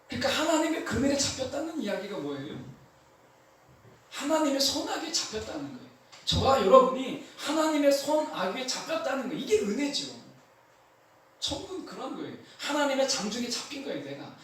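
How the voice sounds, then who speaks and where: A man preaching a sermon as pastor, animated and repeating his key phrases. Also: very high voice, brisk. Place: church sanctuary. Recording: echoey church hall, mic from far off.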